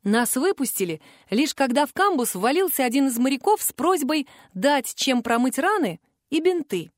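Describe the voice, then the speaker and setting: A woman narrating a fantasy audiobook in the first person, in a lively, expressive way. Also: high-pitched, moderate pace, no echo, studio quality.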